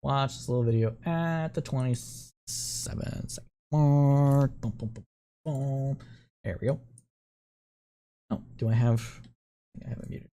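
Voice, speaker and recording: Mellow-voiced casual stream host. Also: mid-range voice, measured pace, long pauses. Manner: playful, coos and repeats over a cute picture; reads news copy aloud with small slips. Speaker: news show host. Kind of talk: casual live-stream news roundup.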